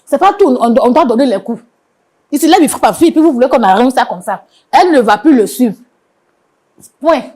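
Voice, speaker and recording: A middle-aged woman speaks in a high, piercing voice and fires her words off quickly. She keeps repeating herself as she hurls accusations at a man, loud and relentless. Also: lively intonation. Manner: shouting, repetitive, accusatory. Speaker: angry mother of the wife. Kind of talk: heated confrontation on a mediation show.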